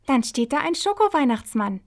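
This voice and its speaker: A woman voicing an excitable young female hare in a children's radio story. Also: high voice, normal speed, voice pushed up. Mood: eager.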